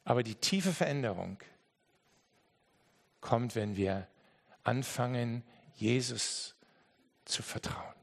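A man preaching a sermon emphatically, speaking straight to the listener and swinging between loud and hushed. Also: mid-range voice, animated, takes it slowly, creaky, pauses often.

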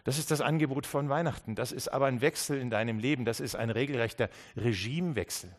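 Earnest man preaching, soft then emphatic. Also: medium pitch, quick pace. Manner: earnest, direct address with many restarts; swings between soft and emphatic. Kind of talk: Christmas sermon.

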